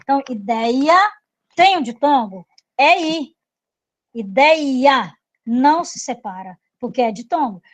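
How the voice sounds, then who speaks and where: A woman's voice: high voice, lively intonation, takes it slowly, rough recording. A woman with a Brazilian Portuguese accent teaching an online grammar review, explaining patiently with repeated examples and checking in with her students.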